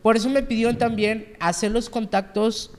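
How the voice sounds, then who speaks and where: A man's voice: high voice, fairly even intonation, normal speed. A man, a medium speaking earnestly as a talk-show guest and repeating phrases for emphasis. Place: studio set. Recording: long hall reverb, faint noise.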